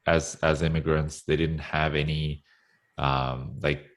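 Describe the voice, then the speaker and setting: Deep-voiced man, relaxed and chuckling. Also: takes it slowly. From Sri Lanka. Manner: relaxed, chuckles often, hesitant fillers. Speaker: interview guest. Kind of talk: casual interview talk. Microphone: video call.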